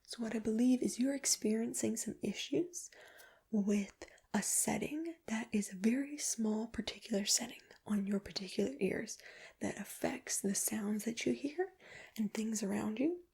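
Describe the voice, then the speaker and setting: A woman performs a whispered role-play as an examiner giving personal attention. Her voice is very breathy and airy, soft and mellow in tone. She sounds gentle and reassuring, and sits a little high in pitch. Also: normal speed. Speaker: ASMR performer playing an ear examiner.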